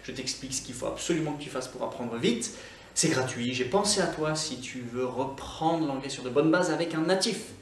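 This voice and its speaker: A Scottish online English teacher gives a lively, chatty YouTube language lesson full of small hesitations. His mid-range voice moves briskly. The recording sounds roomy, with a distant mic and slight background noise.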